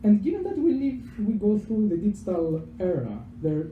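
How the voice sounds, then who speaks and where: A young adult Greek man, Greek accent and all, chats through a casual, self-deprecating public science talk for a live pub audience, leaning on fillers and repeated words. His high-pitched voice is sing-song at a moderate pace, coming through a handheld microphone as narrow, tinny audio. Soft background music and faint ambience fill the echoey venue.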